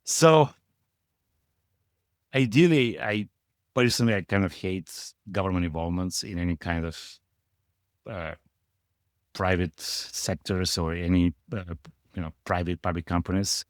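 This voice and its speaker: A man's voice: low voice, measured pace, long pauses, no echo, studio quality. A middle-aged man from Bulgaria with a Bulgarian accent, speaking as a guest in a conversational interview, emphatic and repeating words for stress. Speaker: portfolio manager guest.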